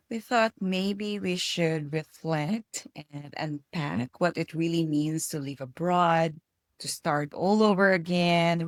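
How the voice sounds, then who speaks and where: Low-voiced Filipina podcast co-host. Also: female voice, no room sound, clean studio sound. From Philippines. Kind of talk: casual chat.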